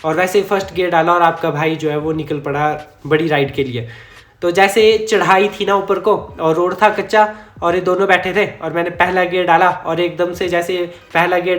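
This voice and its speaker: Male vlogger, high voice, chatty storyteller who chuckles and corrects himself, echoey room. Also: fairly even intonation, normal speed. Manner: chatty, rambling, self-correcting, chuckles often. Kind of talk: casual storytime narration.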